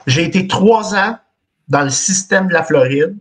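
A man in his thirties with a Quebec French accent hosts a quiz over a webcam call. His voice sits a bit high and sounds husky. He reads the clues in the first person and laughs often. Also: animated, a little slow. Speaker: quiz host. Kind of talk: casual podcast quiz on a video call. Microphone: video call webcam.

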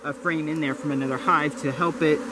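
A man's voice: fairly high pitch, steady tone, a little fast. A young man vlogging outdoors on his homestead, explaining his beehives in a rambling way that keeps correcting itself. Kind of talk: casual vlog narration. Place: outdoors in a garden among bushes and beehives. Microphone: camera mic, handheld or close framing. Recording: outdoor camera audio with insect noise. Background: buzzing bees and insects.

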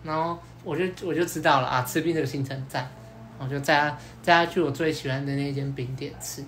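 A man's voice: on the high side, quick pace, a little hiss or hum. A young man with a Taiwanese Mandarin accent, hosting a podcast and telling a dating story in casual chat with slang and mild swearing. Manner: lively anecdote-telling, acts out quoted lines. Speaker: podcast host.

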